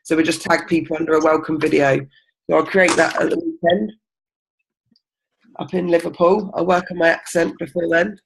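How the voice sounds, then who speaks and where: A woman's voice: lowish voice, flat delivery, moderate pace, gravelly, slight background noise, low-quality recording. A woman leading a team meeting, talking casually and encouragingly with plenty of ums. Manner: chatty and encouraging, with many ums. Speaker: team leader. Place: indoor group meeting.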